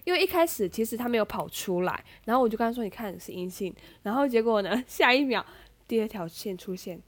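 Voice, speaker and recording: A young woman with a Taiwanese Mandarin accent and a stuffy nose, telling a story as a podcast host in a chatty, animated way with many fillers. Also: a little high, quick pace. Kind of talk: casual storytelling monologue.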